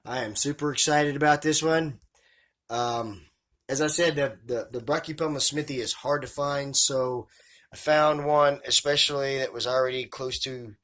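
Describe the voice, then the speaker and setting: A man's voice: medium pitch, a bit bright. A man giving casual, enthusiastic vlog commentary as a hobbyist host, speaking emphatically and directly to viewers. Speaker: tarantula hobbyist hosting an unboxing.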